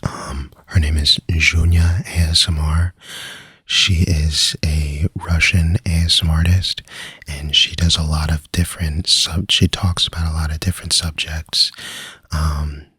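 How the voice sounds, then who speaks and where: A man speaking softly and breathily in casual, rambling ASMR style, often slipping into a whisper. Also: rumbling low, level tone, measured pace, slightly rough, no room sound. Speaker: ASMR video creator.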